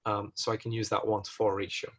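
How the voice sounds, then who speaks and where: A man's voice: lowish voice, level tone, fast talker, a bit bright, slightly rough. A male lecturer working through chemistry problems step by step, thinking aloud and correcting himself mid-sentence. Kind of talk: recorded lecture walkthrough.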